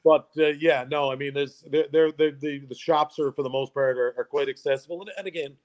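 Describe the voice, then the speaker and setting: A middle-aged man with a voice pitched a little above most men's. He talks in a loose, chatty way, laughing easily and stumbling over repeated words at the start of his sentences. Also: fairly even intonation, a little fast, a little mellow, highs cut off. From Newfoundland, Canada. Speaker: guest, local tourism voice. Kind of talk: casual chat.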